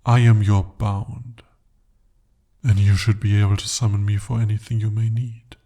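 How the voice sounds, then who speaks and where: A young man voicing a jealous, possessive male demon bound to a sorcerer, speaking softly and deliberately in an ASMR roleplay. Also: fairly low pitch, flat delivery, close to an everyday voice. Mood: possessive, insistent. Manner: intimate, soft-spoken, slow and deliberate.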